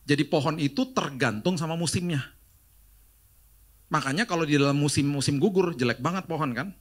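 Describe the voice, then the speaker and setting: A middle-aged Indonesian pastor preaches a sermon in a brisk, slightly high voice. He tells lively stories, acting out dialogue and adding jokes.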